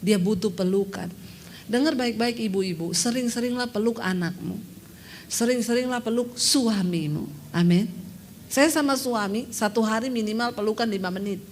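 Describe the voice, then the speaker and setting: Woman pastor, middle-aged, fairly high voice, animated sermon, a little hiss behind. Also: moderate pace. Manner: lively storytelling, acts out voices, laughs often.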